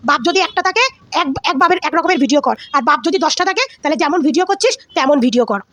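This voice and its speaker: Rapid-fire high-voiced woman ranting. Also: expressive, fairly bright tone. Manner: heated, scolding, repetitive and insulting. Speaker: vlogger. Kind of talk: ranting celebrity gossip commentary.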